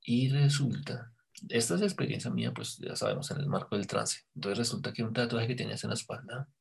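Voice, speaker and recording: A man recounting a past experience in casual conversation, hesitant and searching for words, often dropping to a hushed near-whisper when he quotes his own thoughts. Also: mid-range voice, sing-song, a little fast, vocal fry, husky. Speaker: storyteller in a conversation. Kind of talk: casual spoken recollection.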